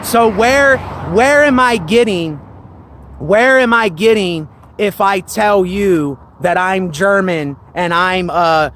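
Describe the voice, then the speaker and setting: A man with a fairly high voice gives an earnest, preachy talk to his viewers. He speaks slowly and deliberately and keeps repeating his phrases for emphasis. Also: a bit bright. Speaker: channel host. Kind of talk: casual monologue to camera.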